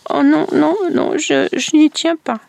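A frightened little girl calls out in a high, pleading voice, put on by a woman telling a folktale. The delivery is slow and deliberate, with a gravelly edge, and the sound is close and dry. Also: steady tone, darkish tone, no echo, full character voice. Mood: refusing. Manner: high, urgent calling and pleading.

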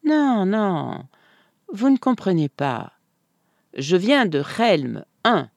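A storyteller voicing a calm, stubborn village man who insists he is someone else, in a read-aloud folk tale. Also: mid-range voice, very slow, gravelly, no echo, voice pushed up, heavily acted.

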